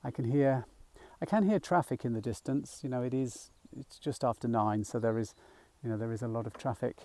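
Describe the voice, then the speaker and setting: A middle-aged man talking gently while walking outdoors, a little out of breath, rambling with fillers as he guides a mindfulness practice. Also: medium pitch, a little fast, no room sound. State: slightly out of breath. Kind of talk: casual walking vlog. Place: outdoors in a field by a small woodland.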